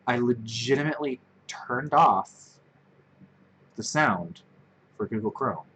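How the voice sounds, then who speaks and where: A medium-pitched man in his 20s streams on Twitch, his fairly bright voice moving slowly but with lively intonation. He chats casually, wandering off topic and laughing at himself, over game music, and the rough recording carries a little hiss or hum.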